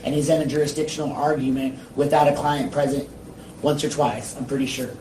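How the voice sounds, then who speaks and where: A man's voice: mid-range voice, flat delivery, brisk, darkish tone, a little hiss or hum. A man, a lawyer, arguing insistently with a judge in a courtroom, interrupting and contradicting her. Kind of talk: courtroom argument. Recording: echoey distant courtroom audio.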